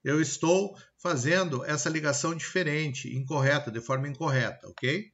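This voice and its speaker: A man with a Brazilian Portuguese accent teaching a recorded grammar lesson, checking in with "tá?" and sounding out example words slowly. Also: fairly high pitch, fairly bright tone, muffled recording. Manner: explanatory, pausing with frequent "tá?" and "ok?" checks; slow, deliberate word-by-word example pronunciations.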